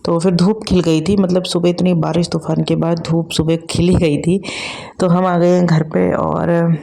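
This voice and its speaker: A woman in her thirties narrating her day in a chatty, rambling way, full of fillers. Her voice is gravelly and mellow, and she keeps a flat, even tone throughout. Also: lowish voice, unhurried. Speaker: vlogger and mother. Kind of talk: casual vlog narration.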